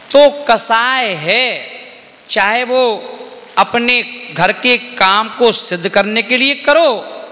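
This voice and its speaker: A man's voice: extremely high pitch, sharp tone. A man, a Jain monk, giving a sermon. He keeps asking "है ना?" and acts out everyday scenes. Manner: repetitive, asks "है ना?" often, acts out everyday scenes. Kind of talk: Hindi sermon. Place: dharmshala hall. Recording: long hall reverb.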